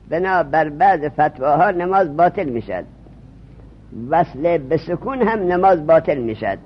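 Husky-voiced man teaching a class. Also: a little high. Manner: repeats terms, quizzes students with questions. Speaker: religious studies teacher. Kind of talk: classroom lesson. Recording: dull lo-fi recording.

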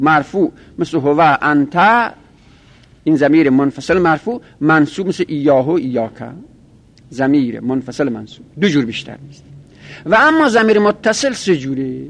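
A man teaching a grammar class, explaining step by step and repeating each example in a list. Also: a little high. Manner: methodical, repeats examples in lists. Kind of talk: classroom lecture.

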